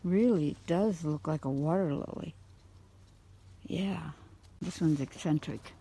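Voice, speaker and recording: A middle-aged woman tours her home garden outdoors, pointing out flowers with gushing enthusiasm as a camera mic picks her up in poor audio. Her voice is low, gravelly, mellow and husky, and she takes her time in this casual walking tour.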